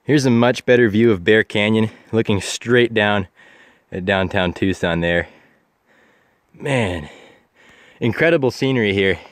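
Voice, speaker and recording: A young adult travel vlogger hikes a desert canyon, holding the camera at arm's length and explaining things to viewers in a relaxed, informal way. His voice is lowish with a measured pace and long pauses, and there's no echo.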